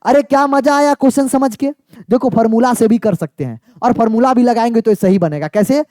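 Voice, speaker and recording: Playful male chemistry teacher, mellow voice. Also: very high-pitched, brisk, dry recording, studio quality. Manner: playful, teasing, asks students yes or no again and again. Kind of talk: chatty exam-prep lecture.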